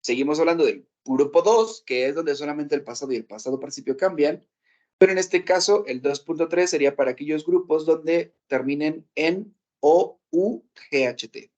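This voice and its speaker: A man's voice: a little high, moderate pace, darkish tone, highs cut off. Man teaching English. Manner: explains step by step, checks with "¿ok?" often. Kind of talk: classroom lesson.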